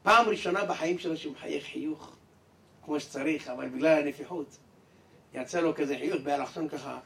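High-voiced man telling a comic story. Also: gravelly, distant mic. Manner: animated, jumps between voices. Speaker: stand-up comedian. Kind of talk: stand-up comedy storytelling.

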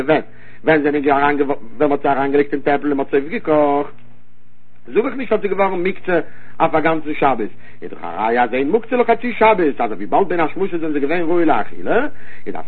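Husky man teaching Talmud over phone. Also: fairly high pitch. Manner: rapid, repetitive explaining in short bursts. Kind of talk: Talmud study lecture. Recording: tinny phone-line recording.

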